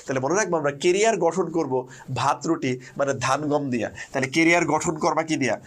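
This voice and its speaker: A man's voice: fairly high pitch, fast. A young man, teaching an online lesson with mnemonics, quizzing listeners and answering himself. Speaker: admission test tutor. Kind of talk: energetic online lesson with call-and-response mnemonics.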